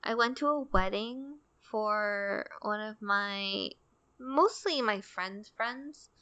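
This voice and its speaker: Bright, chatty young woman podcaster. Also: mid-range voice, slow pace, clear, resonant tone. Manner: chatty storytelling, acts out quoted lines. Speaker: podcast co-host. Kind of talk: casual podcast chat.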